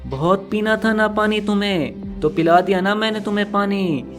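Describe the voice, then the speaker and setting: A man's voice: high-pitched, normal speed, over music, voice pushed up, close to an everyday voice. A man voicing a cruel, arrogant young female crow who taunts and bosses her mother-in-law. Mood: scornful. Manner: scornful, bossy and taunting.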